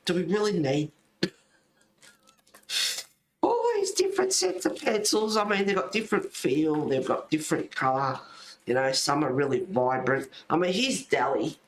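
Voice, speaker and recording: Speaking at a normal pace, this Australian-accented man has a slightly high, sing-song voice. He's hosting a livestream, chatting loosely and drifting off topic as he rambles. Roomy echo and a little faint noise color the recording.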